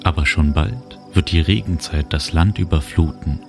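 A man narrating a guided relaxation journey, speaking slowly and soothingly. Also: extremely low pitch, vocal fry. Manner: slow, calm, soothing. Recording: music bed under voice. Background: music and cricket sounds.

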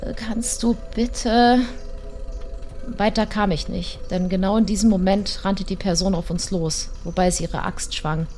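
A woman narrating a first-person horror story in an expressive way, hushing and drawing out the tense moments. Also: fairly low pitch, moderate pace, hardly any pauses, faint music behind.

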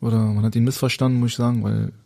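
A man's voice: medium pitch, little pitch movement, very fast, creaky, dark tone, no echo. A man, a former footballer, telling stories in a loose, colloquial way as a guest in casual conversation, often searching for words. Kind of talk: casual anecdotal storytelling.

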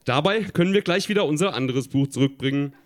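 Guy doing a friendly eager kid, chatty, lively up and down. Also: on the high side, quick pace, slight background noise, close to an everyday voice. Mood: planning. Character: friendly young boy, eager helper. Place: live stage before an audience.

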